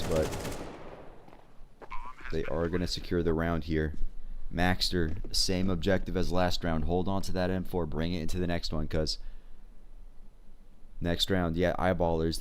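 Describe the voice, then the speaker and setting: A man's voice: low-pitched, little pitch movement, moderate pace, pauses often, slight background noise. A man giving live esports play-by-play commentary in an informal, conversational way. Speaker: esports caster.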